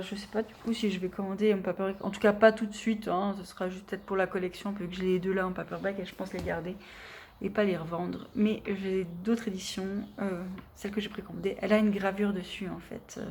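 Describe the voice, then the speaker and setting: A woman's voice: mid-range voice, darkish tone, slight background noise. A young woman book vlogger talking casually at home into a camera mic, rambling and enthusiastic, with many fillers and restarts. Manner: enthusiastic, gushing. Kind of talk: casual chat.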